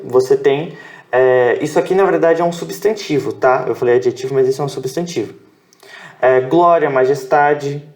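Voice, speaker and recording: Slow, patient Brazilian man teaching. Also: medium pitch, darkish tone. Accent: Brazilian Portuguese. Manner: spells out sounds and syllables, corrects himself aloud. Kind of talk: classroom lesson at a whiteboard. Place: improvised room with background noise.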